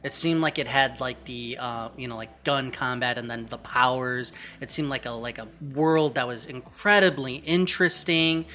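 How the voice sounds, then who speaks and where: A man's voice: mid-range voice, normal speed, hardly any pauses, sharp tone. A man hosting a casual gaming podcast, upbeat and joking. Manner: upbeat, joking, hype-driven introductions. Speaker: podcast host.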